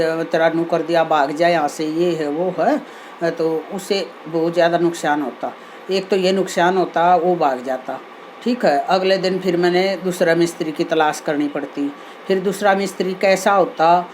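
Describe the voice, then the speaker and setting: A woman's voice: lowish voice, a little mellow, slight background noise, low-quality recording. A woman telling a homely moral story in a chatty, folksy way, often tossing in little asides to her listeners.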